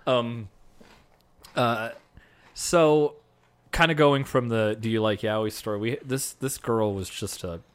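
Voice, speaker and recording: A man's voice: medium pitch, takes it slowly, pauses often, clear, resonant tone. A man co-hosting a podcast, telling stories in casual chat and slipping into silly voices. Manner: animated storytelling, slips into silly voices. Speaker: podcast co-host.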